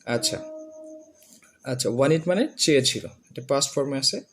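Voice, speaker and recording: A man's voice: medium pitch, lively intonation, moderate pace, husky. A man teaching an online English pronunciation lesson, repeating each word several times with many filler sounds.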